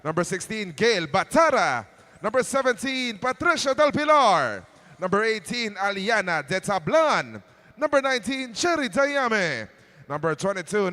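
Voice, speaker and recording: High, bright arena announcer. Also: male voice. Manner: emphatic, drawn-out announcing. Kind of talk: booming player introductions.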